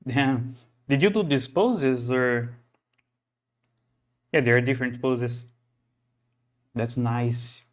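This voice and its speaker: A man's voice: medium pitch, animated, slow pace, long pauses. Chatty male streamer, phone mic. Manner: rambling, self-correcting, chatty. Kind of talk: casual streaming chat and reading game text aloud. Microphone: phone held close to the mouth.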